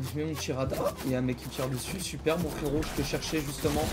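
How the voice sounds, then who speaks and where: A young man commenting his own gameplay, excitable and slangy, taunting the players he fights. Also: a little high. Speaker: gaming YouTuber. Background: game music and gunfire.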